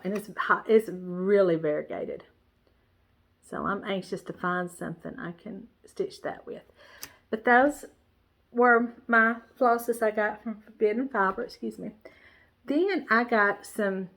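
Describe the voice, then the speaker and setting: Her voice is medium in pitch and a little slow, nasal from a stuffy, congested nose, as a woman chats casually in show-and-tell fashion about her cross-stitch supplies. The talk is warm and rambling, packed with "um"s, fillers and restarts.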